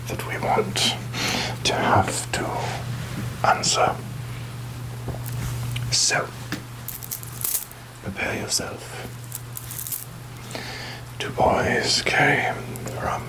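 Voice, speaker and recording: A man's voice: medium pitch, sing-song, low-quality recording. Man playing whispering Captain Jack Sparrow, roguish pirate. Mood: sly, instructive. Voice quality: breathy whisper. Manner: halting, deliberate, mock-grand phrasing. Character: roguish, rum-obsessed pirate captain, wary and theatrical. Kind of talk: whispered ASMR roleplay, addressing the listener.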